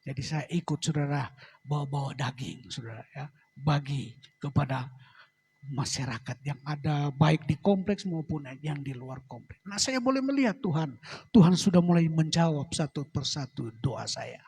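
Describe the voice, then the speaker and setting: Husky-voiced middle-aged pastor, slightly high, telling his testimony in church with soft trailing tag-ons. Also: lively intonation, moderate pace. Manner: tags phrases with a soft trailing "saudara, ya". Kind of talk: sermon testimony.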